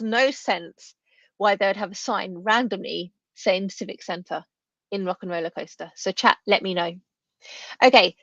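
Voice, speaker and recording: A woman's voice: medium pitch, pushed and bright, no room sound. Woman hosting a chatty stream interview, says w instead of r, bit muffled lo-fi sound. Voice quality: trouble saying r and w sounds, says w for r. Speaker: live stream host. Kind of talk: casual chat interview.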